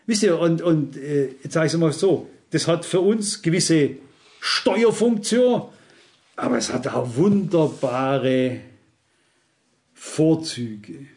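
A man preaching a sermon in an earnest, emphatic way. His voice sits a little higher than most men's. He keeps checking in with his listeners through direct questions. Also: expressive, slow, a little mellow. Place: church service.

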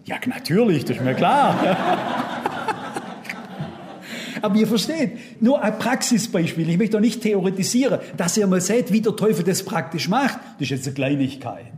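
Guy preaching a sermon, pretty high voice, keeps asking the congregation questions and reading bible verses. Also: very animated, brisk, few pauses, a little mellow, slight background noise. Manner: asks the listeners many rhetorical questions; quotes and reads Bible verses aloud.

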